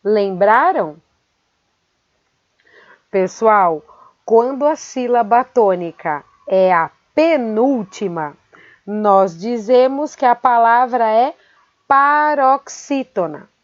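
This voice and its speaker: A woman teaching a grammar lesson, speaking slowly and carefully and repeating words syllable by syllable. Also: a little high, expressive, darkish tone, dry recording. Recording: dry, dull lo-fi sound.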